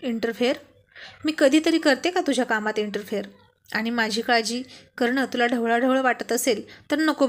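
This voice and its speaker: Fiery hurt young wife voiced by a woman storyteller, sharp, scolding, high voice, storybook reading. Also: natural voice.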